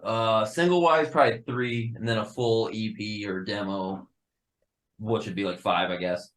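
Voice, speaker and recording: A man with a fairly low voice talks casually as a guest in a band interview. He is laid-back, laughs a lot and swears freely. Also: fairly even intonation, moderate pace, fairly bright tone, rough recording. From Upper Peninsula of Michigan.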